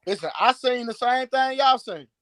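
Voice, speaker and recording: A man's voice: very high voice, animated, moderate pace, a bit bright, no room sound. A man in his late thirties, a strength and conditioning coach, talking boastfully and emphatically as a guest on a live stream. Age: 30s. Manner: boastful, emphatic, repeats words. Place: live video call.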